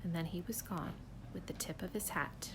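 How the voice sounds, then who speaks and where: A woman's voice: lowish voice, normal speed, noisy background. Woman reading a rhyming storybook aloud. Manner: clear, rhythmic and expressive with rhymes. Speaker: preschool teacher. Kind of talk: reading a picture book aloud to children.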